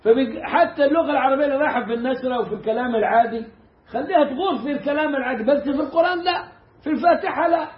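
A man with an Egyptian Arabic accent teaching Quran recitation in a casual, animated way, mimicking mistakes and drawing out the correct sounds. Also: extremely high pitch, echoey room, highs cut off. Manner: animated, mimics mispronunciations and demonstrates slow recitation. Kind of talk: casual lesson.

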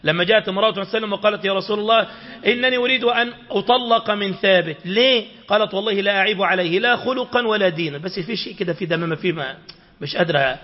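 A man's voice: sits high, racing, lo-fi sound. A man with an Egyptian accent giving a religious lesson, retelling stories and throwing rhetorical questions at his listeners. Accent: Egyptian Arabic. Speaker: preacher.

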